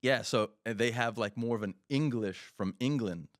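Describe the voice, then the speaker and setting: A man's voice: mid-range voice, measured pace, dry recording, studio quality. A man co-hosting a podcast in casual chat, switching between French and English mid-sentence and giving firm, emphatic opinions. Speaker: podcast co-host.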